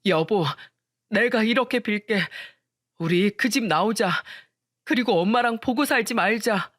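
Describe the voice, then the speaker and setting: A woman's voice: a little high, unhurried, no room sound, clean studio sound. A woman voicing a young husband who pleads with his wife and argues with his mother. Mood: pleading. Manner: urgent, pleading.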